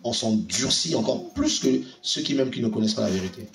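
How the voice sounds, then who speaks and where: A man preaching a sermon in an animated, exhorting way, often acting out little dialogues. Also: mid-range voice, fairly quick, creaky, roomy sound, distant mic, slight background noise.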